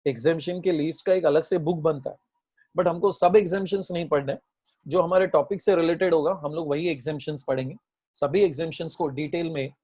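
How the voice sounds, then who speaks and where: Indian male commerce tutor, measured classroom delivery, voice a bit high. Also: darkish tone. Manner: explains patiently, repeats key terms slowly for students. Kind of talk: classroom lecture mixing Hindi and English.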